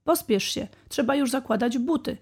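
A woman's voice: high voice, normal speed, husky, pitched above the performer's own voice. A woman voicing a busy rabbit father in a storybook, urging his son to hurry. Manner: urgent calls, later calm and gentle. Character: busy rabbit father, hurried then calm.

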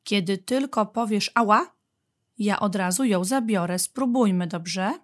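Woman reads patient mother badger, calm and soothing, storybook style. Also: mid-range voice, measured pace, lightly acted. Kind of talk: storybook reading.

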